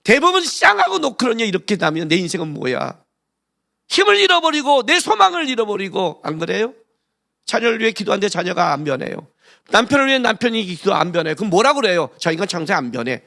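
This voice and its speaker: Male pastor, gravelly high voice, lively sermon delivery with sudden loud bursts. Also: fairly quick. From Korea. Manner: emphatic, swings between hushed asides and loud exclamations; talks directly to congregation with rhetorical questions.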